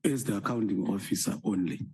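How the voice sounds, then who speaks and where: A man from Zimbabwe, a college principal answering questions at a hearing, halting and hesitant. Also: lowish voice, a little mellow, breathy edge. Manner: hesitant, halting, many fillers.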